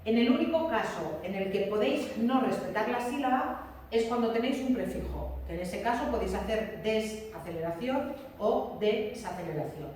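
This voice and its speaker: A woman's voice: mid-range voice, lively intonation, moderate pace, a little mellow. A woman teacher giving a classroom lecture, explaining patiently, repeating key points and checking that her students follow. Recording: roomy echo, distant mic, faint room noise.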